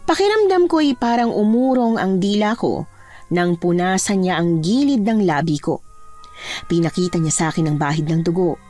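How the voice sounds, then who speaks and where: A woman narrating a horror story in the first person, in a measured, hushed way. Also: on the low side, faint music behind.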